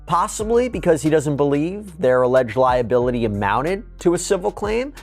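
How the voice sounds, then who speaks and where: A man's voice: fairly high pitch, very animated, normal speed, faint music behind. A man giving legal news commentary, part read and part in his own words. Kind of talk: news commentary with scripted quotes.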